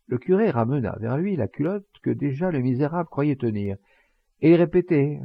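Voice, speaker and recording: A man with a mid-range, husky voice and vocal fry reads a classic novel aloud for an audiobook, narrating the script with expressive storytelling. The recording is dry, with the highs cut off.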